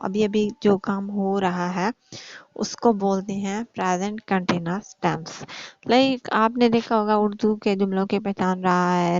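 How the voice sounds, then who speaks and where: A woman's voice: mid-range voice, no room sound, lo-fi sound. A woman giving an online English grammar lesson, explaining patiently and checking in often, mixing English terms into her speech.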